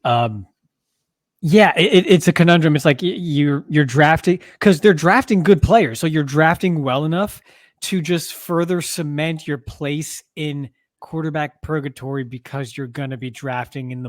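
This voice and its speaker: A man's voice: a little high, normal speed, dry recording, clean studio sound. A man co-hosting a sports podcast, chatting casually with jokey, wry asides. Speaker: podcast co-host.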